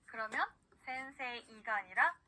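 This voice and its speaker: A woman teaching a recorded online pronunciation lesson, patiently saying words slowly for the learner to repeat. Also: on the high side, lively intonation, bright, forceful tone, rough recording. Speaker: language teacher.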